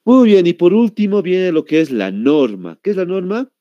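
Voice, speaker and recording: A man with a Bolivian Spanish accent gives a classroom lecture, asking the class questions and answering them himself, and repeating words slowly to show how they are said. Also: sits high, big pitch swings, dark tone, dry recording, lo-fi sound. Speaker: teacher.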